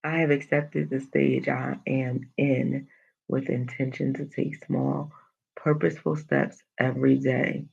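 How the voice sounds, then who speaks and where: Gravelly woman giving an unhurried motivational pep talk. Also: very deep voice, level tone, darkish tone, lo-fi sound. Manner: emphatic, repeats phrases for emphasis. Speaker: host of a motivational livestream, coach. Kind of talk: motivational livestream talk, reading and answering comments.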